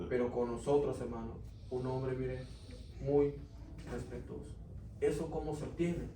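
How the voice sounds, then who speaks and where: A man's voice: medium pitch, steady tone, a little slow, dark tone. A man giving an earnest Sunday school testimony in church, often calling his listeners brother. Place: church classroom. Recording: echoey room, mic far off, faint noise.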